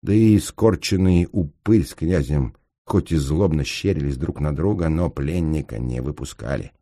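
A man narrating an audiobook in a dramatic, expressive manner. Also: very deep voice, normal speed.

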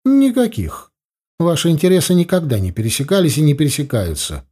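Guy reading a curt sharp-tongued granny in an audiobook, higher voice, lively. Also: a little fast, slightly rough. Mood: matter-of-fact. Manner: curt, matter-of-fact answers. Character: blunt, sharp-tongued grandmother, older woman. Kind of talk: audiobook character voice.

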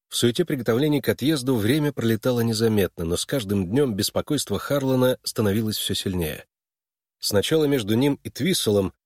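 A man narrating a novel in a measured, expressive reading voice. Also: medium pitch, no room sound, clean studio sound. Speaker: audiobook narrator. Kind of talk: scripted narration.

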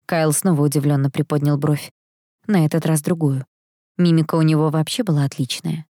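A woman reading a first-person fantasy audiobook in a calm, measured storytelling manner. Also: low voice, dry recording, studio quality. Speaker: audiobook reader.

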